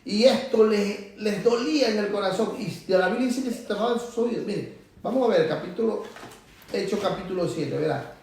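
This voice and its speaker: A man's voice: high-pitched, moderate pace, gravelly. A man preaching a sermon to a congregation, emphatic and exhorting, his voice climbing as he drives a point home. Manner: emphatic, rising to loud exhortation. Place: church hall. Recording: echoey room, from far off.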